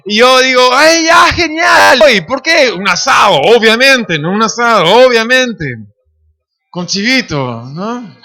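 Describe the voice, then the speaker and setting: High, bright-voiced preacher in his thirties. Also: expressive, unhurried. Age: 30s. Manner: storytelling, acting out family voices, shouting at high points. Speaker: pastor. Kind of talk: sermon. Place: church sanctuary.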